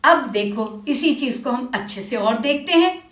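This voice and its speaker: A woman teacher walks learners through a literacy lesson, slow and patient, repeating each word. Her voice sits high. The room around her echoes. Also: expressive. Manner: slow, patient, coaxing, repeats words and asks questions.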